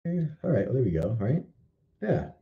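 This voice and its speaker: A man's voice: mid-range voice, very animated, moderate pace, vocal fry, phone-quality sound. A man chatting casually as a panelist in an online audio room, fumbling with his setup, his voice echoey and distant like in a big hall because he is on the wrong microphone. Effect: echoey and distant sound, like a big hall echo. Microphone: wrong microphone, far from his headset.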